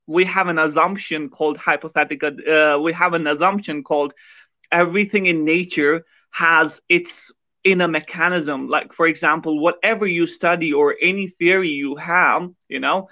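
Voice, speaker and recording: A man's voice: on the high side, steady tone, moderate pace, pushed and bright, no echo, highs cut off. A man from Kashmir with a Kashmiri accent, explaining ideas as a podcast guest. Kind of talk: explanatory interview talk.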